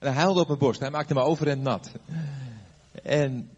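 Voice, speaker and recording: A man's voice: medium pitch, fairly even intonation, normal speed, lo-fi sound. An older man, a pastor, giving a sermon before a live audience, telling a story conversationally with fillers and questions to the listeners.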